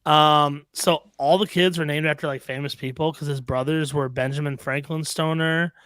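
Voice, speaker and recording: A man's voice: a little high, steady tone, moderate pace, fairly bright tone, clear, resonant tone, no room sound, clean studio sound. Laid-back man telling a story. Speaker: podcast co-host. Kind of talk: casual chat.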